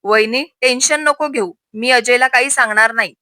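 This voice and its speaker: A woman's voice: on the high side, moderate pace, sharp tone, dry recording, clean studio sound. A woman voicing a cheerful, teasing young man who jokes with his friend's wife. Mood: earnest. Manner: teasing, playful.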